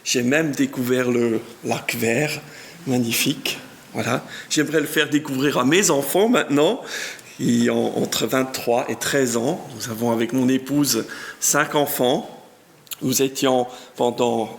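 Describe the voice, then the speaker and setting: A German-speaking Swiss man in his fifties from the German-speaking part of the canton of Bern is a guest pastor giving a sermon and reading the Bible in French with a Swiss German accent. He is genial, chatty, and self-deprecating, reading scripture with lively emphasis. His medium-pitched voice is a little slow and has vocal fry.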